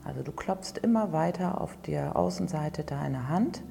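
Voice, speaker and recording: A woman leading a guided tapping session in a calm instructing voice, at times dropping to a soft whisper. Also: deep voice, moderate pace, creaky, soft background music. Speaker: tapping coach.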